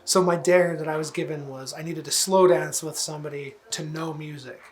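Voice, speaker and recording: A man's voice: fairly high pitch, steady tone, over loud music. Reflective man in a confessional interview. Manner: reflective, measured, hesitant. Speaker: reality show contestant.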